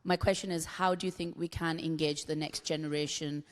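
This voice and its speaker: Woman from Pakistan, thirties, lower-pitched, polite hesitant question in a reverberant hall. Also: steady tone, a little fast. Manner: polite, hesitant, with many fillers. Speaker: audience member asking a question. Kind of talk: question from the audience.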